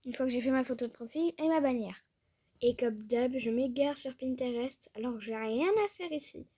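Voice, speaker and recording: A woman with a slightly high, mellow and breathy voice talks her way through a casual tutorial. She rambles, comments to herself and keeps slipping into a half-murmur. The sound is close and dry. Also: moderate pace, no room sound. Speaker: YouTuber showing a tutorial. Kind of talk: casual screen-recorded tutorial chat.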